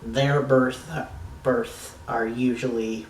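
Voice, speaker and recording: A man talks through a TV episode in a slow, unhurried drawl, with the rambling enthusiasm of a fan who swears now and then. His voice sits a little off from the microphone in a roomy, echoing space, with faint ambient noise behind him. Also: mid-range voice, fairly even intonation, recorded from a distance. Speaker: TV episode reviewer. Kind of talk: casual review monologue.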